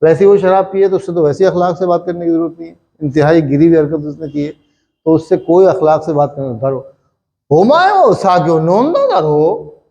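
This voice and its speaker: A man's voice: on the high side, steady tone, fast, warm tone, highs cut off. A middle-aged man from Pakistan with an Urdu-speaking Pakistani accent, teaching a chatty, repetitive Japanese grammar lesson and checking in with the class often. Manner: chatty, repetitive, with many "thik hai" checks.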